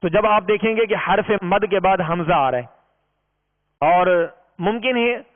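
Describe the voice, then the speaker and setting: Male recitation teacher, patient and methodical; high voice, unhurried delivery. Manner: patient, explains step by step, drawls out long vowels in recitation. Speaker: Quran reading teacher. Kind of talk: recorded tajweed lesson. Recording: tinny, reverberant lo-fi recording.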